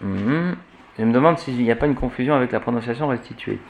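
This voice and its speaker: A man's voice: medium pitch, expressive, fast, creaky, phone-quality sound. A man teaching church Latin pronunciation to a class, spelling out letters and repeating example words with frequent hesitations. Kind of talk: classroom lesson.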